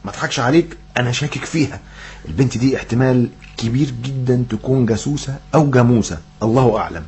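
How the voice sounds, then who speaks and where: A man with a mid-range, darkish, natural voice fires off rapid, teasing, sarcastic banter in an Egyptian Arabic accent. He's an actor playing the son, a cheeky, mocking young man who is the comic lead in a comic radio drama, with slight background noise present.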